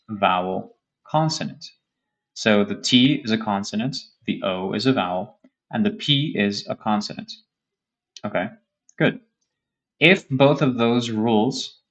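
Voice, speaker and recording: A man's voice: lowish voice, a bit bright, poor audio. A man teaching a beginner English grammar lesson, explaining patiently and often checking in with "okay?" and "right?".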